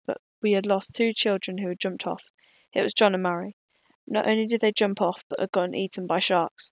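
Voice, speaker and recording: Woman reading a story, gravelly edge. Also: mid-range voice, no room sound. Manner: plain reading with slips and restarts. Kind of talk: reading an original story aloud.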